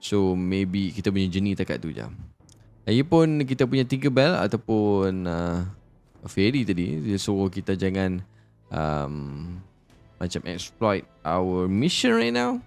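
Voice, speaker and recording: A man's voice: low-pitched, sing-song, normal speed, vocal fry, a little mellow, clear, resonant tone, faint music behind. A man with a Malaysian accent giving casual game commentary, mixing two languages as he goes. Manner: switches between Malay and English. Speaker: let's play gamer. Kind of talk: casual game commentary, reading dialogue aloud.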